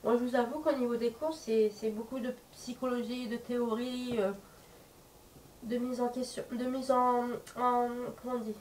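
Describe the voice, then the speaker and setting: A woman's voice: fairly high pitch, fairly even intonation, normal speed, darkish tone. A woman with a congested, stuffy nose and sore throat from a cold, chatting casually to camera in a hesitant, rambling way as a vlogger. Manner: hesitant, rambling, searches for words. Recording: distant mic, faint background noise.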